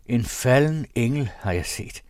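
A man's voice: medium pitch, lively intonation, a little mellow, no room sound, studio quality. A man reading an old diary aloud in a solemn, mournful manner. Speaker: narrator. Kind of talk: scripted reading of a period diary.

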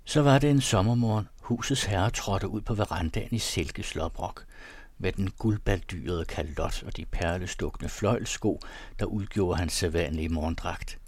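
A man narrating a literary story in a measured, ornate audiobook reading. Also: low-pitched, a little mellow, dry recording.

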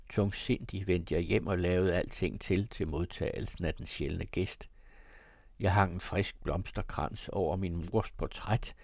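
A man reading a classic novel aloud as audiobook narrator, in a measured, even storytelling manner. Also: lowish voice, dry recording, studio quality.

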